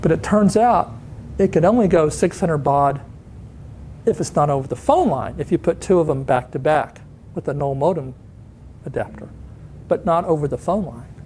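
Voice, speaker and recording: A man's voice: on the high side, animated, moderate pace, warm tone, a little hiss or hum. A man in his sixties giving a conference talk, telling anecdotes and acting out the voices of the people he quotes. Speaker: conference speaker. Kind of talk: storytelling talk. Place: conference hall.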